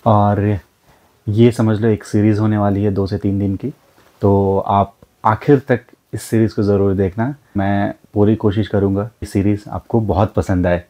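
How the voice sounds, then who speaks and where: A man calmly introducing a motorbike trip to his viewers. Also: fairly low pitch, measured pace, rough recording. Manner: calm, plain, talks to viewers. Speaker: motovlogger. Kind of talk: casual intro to camera.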